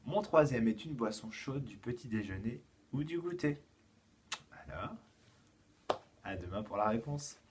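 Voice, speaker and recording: A man with a French accent, a kindergarten teacher giving a slow, patient home-schooling lesson to young children. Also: mid-range voice, lively intonation, heavy background noise.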